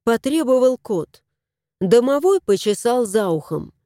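Lady reading a fairy tale aloud, warm mellow voice, bouncy pitch, dry close sound. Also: big pitch swings, measured pace, no echo. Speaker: narrator. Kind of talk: storybook reading.

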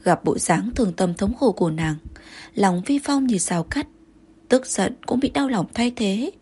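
A woman tells an audiobook story in a steady, even storytelling manner. Her voice is breathy and husky. It sits at a middle pitch for a woman. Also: measured pace. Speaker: audiobook narrator. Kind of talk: scripted narration.

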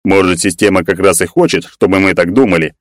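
A man's voice: sits low, fairly quick, dry recording, clean studio sound, close to an everyday voice. A man reading a scoffing, stubborn skeptic. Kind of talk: audiobook character reading.

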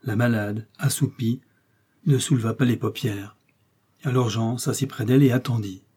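A male audiobook reader tells an old short story with measured, expressive pacing. His tone is dark and mellow, with a husky edge. He sits in an ordinary middle pitch. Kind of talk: reading a classic short story aloud.

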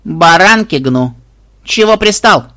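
A man's voice: a little high, animated, takes it slowly, sharp tone, exaggerated voice. A man doing a rude snapping parrot. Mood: snappish. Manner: snarky, insolent, snapping. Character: rude grumpy talking parrot archive bot.

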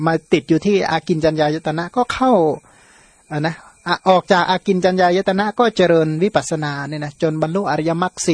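A Buddhist monk from Thailand, a native Khmer speaker, giving a Dharma sermon with a patient, explanatory manner and frequent fillers. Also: male voice, a little high, dry recording. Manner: explanatory, repeats words to stress them, frequent fillers.

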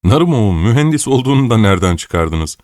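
A man's voice: fairly low pitch, big pitch swings, fast talker, a little mellow, no echo, studio quality, voice pushed up. A man reading an audiobook, voicing a young officer who speaks lightly and teasingly.

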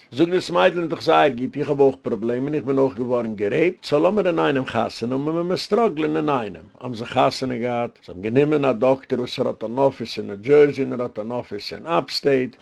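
An older man with a gravelly, creaky voice gives a rambling lecture as a rabbi, his speech Yiddish-inflected and sprinkled with English. He tells anecdotes in an animated way, jumping up in pitch for the people he quotes. His everyday voice sits at a middle pitch. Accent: Yiddish-inflected, mixing in English. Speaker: rabbi giving a community lecture.

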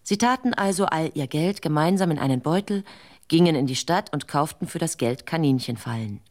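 A woman's voice: low voice, expressive, a little fast, a little mellow. A woman reading a fairy tale as a radio story, dry and wry in her manner.

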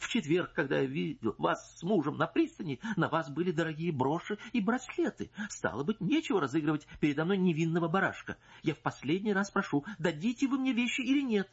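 A man voicing a distraught, indignant married noblewoman who pleads and accuses in a shrill, strained voice. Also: expressive, moderate pace, slightly rough, dull audio. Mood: bitter.

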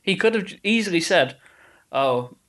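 A man's voice: fairly high pitch, normal speed, fairly bright tone. A man chatting casually about a film and its game, often restarting his sentences and quoting lines in dry put-on tones. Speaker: podcast co-host. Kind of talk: casual chat.

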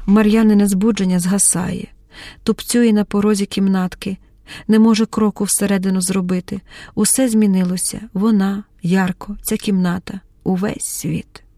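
Woman reading a novel aloud, calm and measured, warm dark voice, dry sound. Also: medium pitch, no room sound. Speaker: audiobook narrator. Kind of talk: scripted literary narration.

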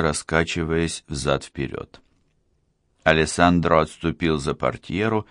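A man narrating an audiobook in a measured, grave storytelling manner. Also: very deep voice, dry recording, studio quality.

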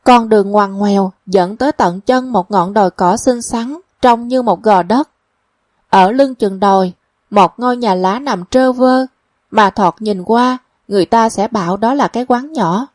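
A woman narrating a novel as a measured audiobook reading, also speaking the characters' quoted lines. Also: a little high, darkish tone, no room sound, studio quality.

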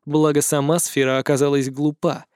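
Guy narrating a fantasy audiobook, kinda high voice, dry close sound. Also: little pitch movement, normal speed, a little mellow, clean tone, dry recording.

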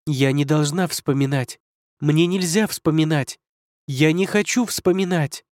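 A man's voice: on the high side, unhurried, a little mellow, no room sound, clean studio sound, pitched above the performer's own voice, close to an everyday voice. A man reading an audiobook, voicing a young fox spirit woman who is anxious and pleading. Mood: panicked.

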